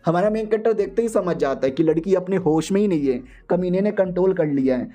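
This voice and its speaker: A man's voice: high-pitched, animated, fast talker, dark tone, faint music behind. A man narrating a story recap in a casual, slangy, irreverent way.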